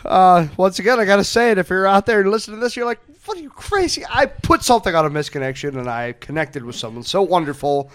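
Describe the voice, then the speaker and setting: A man's voice: sits high, fast, few pauses, smooth. A man hosting a comedy podcast, chatting casually and laughing a lot. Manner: laughing, animated, jokey. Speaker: podcast host.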